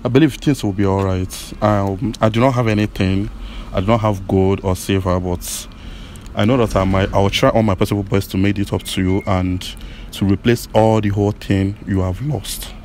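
Soft-voiced, consoling man, low and mellow. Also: steady tone, a little hiss or hum. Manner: soothing, consoling, halting with repeated apologies. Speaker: blind date contestant. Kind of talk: emotional unscripted conversation.

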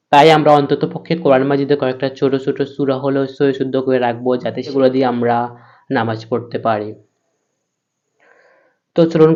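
A man teaching a recitation lesson, spelling out letters one by one and then chanting the verses slowly. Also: mid-range voice, a little mellow, muffled recording. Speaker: Quran reading teacher.

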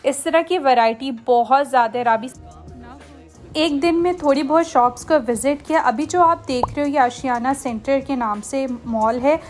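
A woman's voice: high voice, normal speed, soft background music. A woman, chatting to viewers in a casual shopping vlog voice-over. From Pakistan. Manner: chatty, friendly, addresses viewers directly. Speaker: shopping vlogger.

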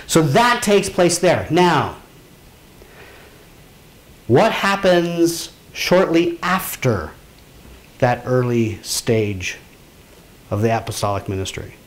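A man's voice: medium pitch, lively intonation, slow, long pauses. A man teaching a Bible class in a conversational way, asking his students questions and calling on them to read. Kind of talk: informal Bible lesson to a class.

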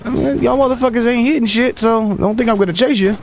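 A young man swearing, trash-talking and shouting at characters while commentating his gameplay. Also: extremely high pitch, fast talker, a little hiss or hum. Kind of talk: profane running commentary over gameplay.

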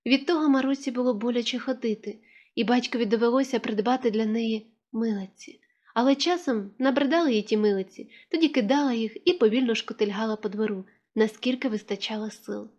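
A woman reading a children's story aloud in a gentle, expressive storytelling manner. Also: a little high. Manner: gentle, expressive storytelling, slowing and softening for tender moments. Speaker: narrator.

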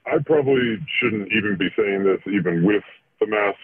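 Man through a deep pitch-shifted voice changer. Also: husky, dry recording. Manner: hesitant, halting. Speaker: caller. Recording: tinny phone line.

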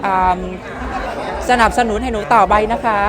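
A 19-year-old woman from Vietnam with a Vietnamese accent, speaking halting, simple non-native Thai as a pageant contestant in a casual interview. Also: mid-range voice, fairly even intonation. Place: busy indoor backstage makeup room. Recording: loud music and chatter behind.

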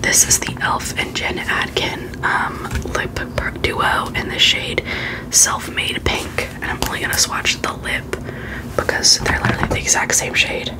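A woman vlogger whispering in a soft, unvoiced ASMR style, chatting informally and giving frank opinions. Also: unhurried, poor audio. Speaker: beauty vlogger. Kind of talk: whispered ASMR, casual product chat.

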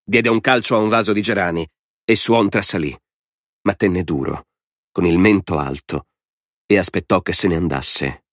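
A man reading an audiobook in a steady, measured narration. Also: sits low, no room sound, clean studio sound.

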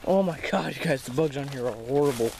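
A man's voice: medium pitch, lively intonation, quick pace, creaky, background noise. A man chatting casually and exclaiming to viewers in an informal, sweary outdoor wildlife vlog, recorded on a handheld camera. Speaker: host of amateur snake-catching vlog. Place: outdoors by a creek in weedy woods. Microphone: handheld camera held by the speaker.

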